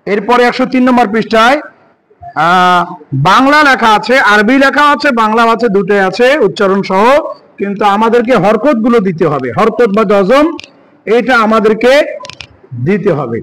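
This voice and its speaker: A man's voice: sits high, lively intonation, moderate pace, fairly bright tone, low-quality recording. A man teaching Quran reading step by step. He patiently spells out each syllable, repeats it, and asks and answers his own questions.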